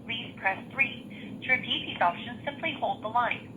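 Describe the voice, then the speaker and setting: A woman's recorded answering machine greeting, heard over a phone line, reading a formal office phone menu in a measured way. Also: on the high side, background noise.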